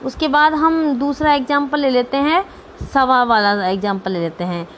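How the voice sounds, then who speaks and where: A woman's voice: high voice, normal speed, fairly bright tone, slight background noise. A woman teacher giving a Sanskrit grammar lesson to students, patient, repeating each term and checking that they understand.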